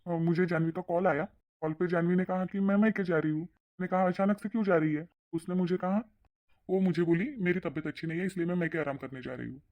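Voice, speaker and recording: A woman voicing a caring young adult son and brother in a cartoon, asking quick, concerned questions. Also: on the low side, steady tone, close to an everyday voice. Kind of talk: cartoon voice acting. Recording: dull lo-fi sound.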